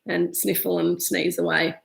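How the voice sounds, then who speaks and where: Hosting a live virtual wine tasting from a noticeably echoey winery room, an Australian winemaker in her thirties chats casually and reads out viewer comments. She has a cold, so she sounds stuffy, and her lowish, gravelly voice is flat and at normal speed. Her talk is full of ums and restarts.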